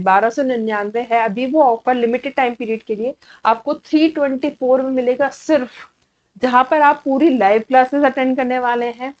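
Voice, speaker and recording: A woman's voice: on the high side, darkish tone, dull audio. A woman with an Indian accent teaching English vocabulary in a chatty online coaching class, repeating key words as she explains.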